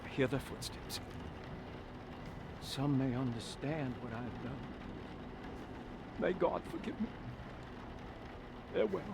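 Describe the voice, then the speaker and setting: An actor playing an anguished, despairing man in a video game, brooding and halting as if speaking to himself. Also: medium pitch, expressive. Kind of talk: dramatic video game acting. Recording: clearly noisy game ambience.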